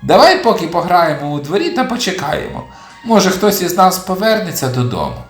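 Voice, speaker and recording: A narrator voicing a clever, calm and slightly sly little male kitten in a storybook reading, in a raised, measured voice. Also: mid-range voice, pitched above the performer's own voice. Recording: roomy audio with soft music.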